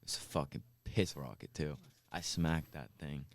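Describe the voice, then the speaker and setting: A man's voice: very deep voice, moderate pace, vocal fry. A young man co-hosting a podcast, swearing freely and telling boastful stories. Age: young adult. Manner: crude, swearing, boastful storyteller. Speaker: podcast co-host. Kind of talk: casual chat.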